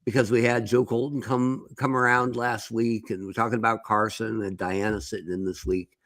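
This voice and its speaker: A man's voice: fairly low pitch, flat delivery, normal speed, a bit bright, no echo. A man co-hosting a podcast, chatting casually in a wry, joking way. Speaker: podcast co-host.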